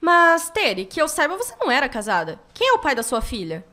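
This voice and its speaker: A woman's voice: sits high, huge pitch swings, fairly quick, sharp tone, slight background noise, exaggerated voice. A woman playing an indignant, betrayed wealthy wife and mother in a radio soap opera. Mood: curious.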